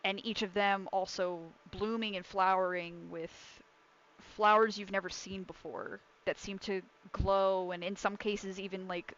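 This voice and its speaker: A woman's voice: mid-range voice, little pitch movement, measured pace, fairly bright tone, dull audio. A woman running a tabletop game, improvising descriptive narration in an informal way. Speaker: game master.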